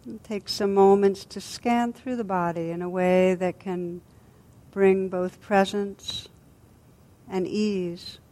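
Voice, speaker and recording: With a mid-range voice and fairly even intonation, a woman teacher talks listeners through a body scan meditation. Her manner is soft, calming and slow, with long gaps of silence.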